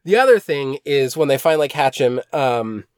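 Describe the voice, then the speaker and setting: A man's voice: mid-range voice, expressive, moderate pace, clear, resonant tone, no room sound. Rambling man with dry close sound. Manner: rambling, many fillers and restarts. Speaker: podcast co-host. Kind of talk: casual chat recapping movies.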